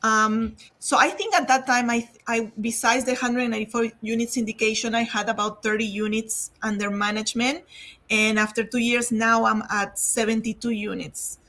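A woman from Peru giving a quick, chatty update as a guest on a video call. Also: on the high side, fairly even intonation, pushed and bright. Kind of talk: casual live update.

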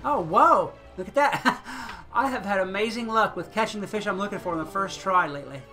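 A man's voice: sits high, animated, fairly quick, bright, forceful tone, faint music behind. A man giving casual, chatty commentary on his own gameplay, thinking aloud and chuckling often as he plays. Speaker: gaming channel host.

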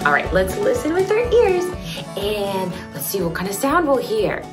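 A woman's voice: mid-range voice, music in the background. A young woman hosting a toddler learning video, speaking in simple, exaggerated, wonder-filled phrases as if reading to a toddler. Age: young adult. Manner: animated, slow, simple child-directed talk with exaggerated wonder and animal sounds. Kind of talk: playful toddler speech lesson, as if reading to a toddler.

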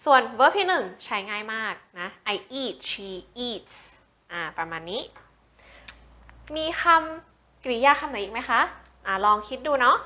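Bright-voiced woman tutoring English grammar. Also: a little high, lively intonation. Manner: chatty, repeats words slowly for drilling, many filler sounds. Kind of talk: casual teaching explanation.

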